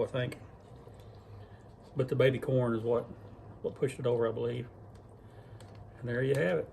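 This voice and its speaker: Male vlog host, mid-pitched, folksy and self-deprecating, barn workshop, faint background noise. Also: vocal fry, a little mellow. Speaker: cooking channel host. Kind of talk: casual cooking vlog. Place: barn workshop where deer are cleaned.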